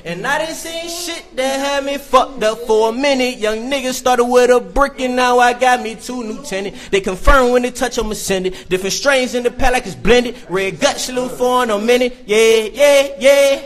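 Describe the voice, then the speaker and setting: Young man, laid-back rap verse, very high voice, studio mic in a kitchen, beat playing. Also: normal speed, few pauses, faint music behind. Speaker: rapper. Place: home kitchen, indoors. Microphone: studio mic on a stand. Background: hip hop beat.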